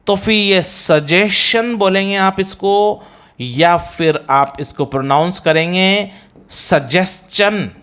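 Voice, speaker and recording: A man teaching English pronunciation, mixing Hindi and English and slowly repeating words and spellings in an Indian English accent. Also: high-pitched, a bit bright, clean tone. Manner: slow, drawn-out repetition of words and spellings. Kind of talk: pronunciation lesson.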